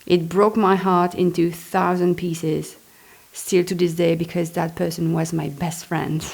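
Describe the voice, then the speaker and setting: Reading her own memoir, a Belgian author whose first language is French speaks with a Belgian French accent in a lowish, creaky voice. She doesn't rush, and her delivery is conversational and expressive, punctuated by spontaneous asides.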